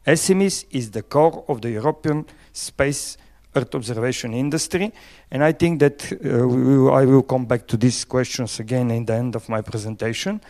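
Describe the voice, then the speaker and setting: A man from Bulgaria speaking English with a Bulgarian accent, giving a conference presentation with halting phrasing and frequent fillers. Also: medium pitch, a little mellow.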